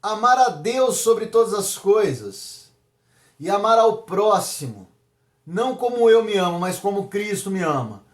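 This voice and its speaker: A man preaching as a pastor in a casual, conversational sermon, with lively asides. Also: high-pitched, unhurried, roomy sound. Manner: animated, acts out dialogue, casual asides.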